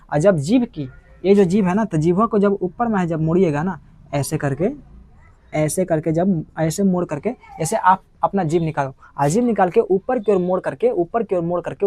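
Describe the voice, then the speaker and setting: A man's voice: high voice, a little mellow, no echo. A male teacher giving a grammar lesson, asking questions and answering them himself over and over. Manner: repetitive call-and-response questioning.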